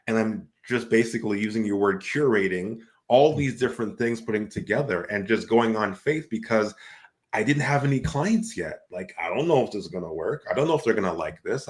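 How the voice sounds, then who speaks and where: Low-pitched male host, reflective conversational entrepreneur. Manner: reflective, repeats "like" often. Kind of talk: casual conversational talk.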